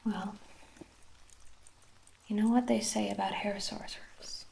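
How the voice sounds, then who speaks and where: A woman with an Irish accent in a soft ASMR role-play, playing a gentle, attentive hair sorcerer with old-fashioned storybook phrasing. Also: mid-range voice, steady tone, slow, creaky, slight background noise. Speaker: ASMR performer.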